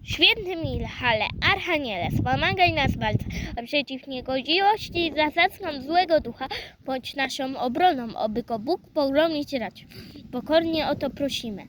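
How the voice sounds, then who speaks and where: A woman's voice: sits high, expressive, moderate pace, noisy background. A woman playing with toys, praying aloud, singing and calling out to them in a playful, sing-song, coaxing way. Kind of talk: playful play-acting with toys.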